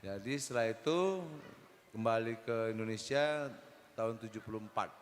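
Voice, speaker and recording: A man's voice: lowish voice, normal speed, a little hiss or hum. Joking middle-aged male guest, echoing hall. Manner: relaxed, joking, rambling. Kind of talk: casual talk show conversation. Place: mosque hall. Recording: long hall reverb.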